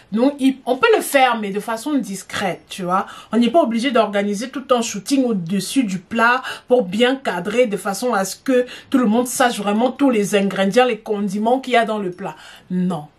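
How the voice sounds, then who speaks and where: A young woman casually giving etiquette tips to camera, chatty and emphatic, talking straight to the viewer with teasing questions. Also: mid-range voice. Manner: chatty and emphatic, repeating "non, non" for stress; addresses the viewer directly, teasing rhetorical questions. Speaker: lifestyle vlogger.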